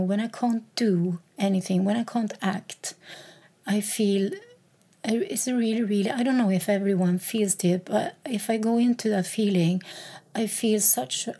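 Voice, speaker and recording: A woman's voice: medium pitch, warm tone. A woman talking alone on her podcast in a reflective, hesitant way, with many fillers and repeated words. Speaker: podcast host.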